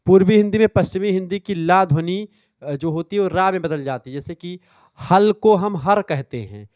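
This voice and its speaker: A man's voice: high-pitched, moderate pace, clear, resonant tone, dry recording, lo-fi sound. A male teacher giving an exam revision lecture, explaining step by step and checking in with "theek hai". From northern India. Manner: explanatory, repeats "ठीक है" often.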